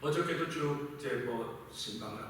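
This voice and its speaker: 교회 예배에서 설교하는 남자 목사로, 대사를 연기하듯 섞고 수사 의문문을 던집니다. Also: male voice, medium pitch, normal speed, a bit bright, a little hiss or hum. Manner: preaching with acted dialogue and rhetorical questions. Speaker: pastor. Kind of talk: sermon. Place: church sanctuary. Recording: echoey church hall, mic at distance.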